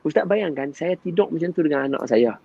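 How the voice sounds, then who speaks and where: A man, telling a story in an animated way and often turning to address his listener directly. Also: on the high side, fairly quick, vocal fry, husky, dry recording, muffled recording. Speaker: guest father sharing parenting experience. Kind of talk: storytelling in conversation.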